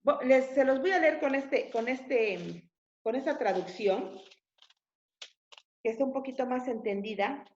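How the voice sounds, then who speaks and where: A woman preaching a sermon in a high, bright register. She keeps checking in with her listeners through short rhetorical questions. The sound carries a roomy echo and a slightly muffled, lo-fi quality. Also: lively intonation, measured pace, pauses often. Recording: echoey, slightly dull room sound.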